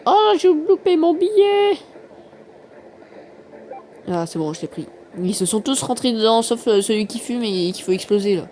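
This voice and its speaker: A man's voice: sits high, warm tone. Guy chatting over a phone game, rambly, jokes at himself, phone mic, faint noise behind. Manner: rambling, self-mocking, many fillers. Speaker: mobile game YouTuber. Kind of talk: casual gameplay commentary. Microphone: phone microphone during screen recording.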